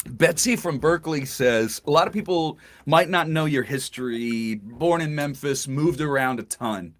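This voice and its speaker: A man's voice: on the high side, moderate pace. A man hosting a casual interview, joking wryly and reading out listener questions. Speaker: interview host.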